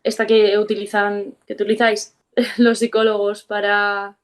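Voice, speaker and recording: Woman w/ a spain spanish accent opening up in an interview, frank and reflective, little pauses and ums here and there. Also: medium pitch, little pitch movement, smooth. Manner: frank, reflective, with soft hesitations. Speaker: interview guest. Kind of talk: candid personal storytelling.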